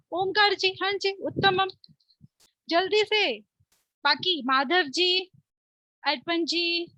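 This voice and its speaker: A woman teaching an online class through a playful word game, encouraging her pupils and drilling words slowly and clearly. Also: sits high, pushed and bright, no echo, highs cut off. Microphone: video call.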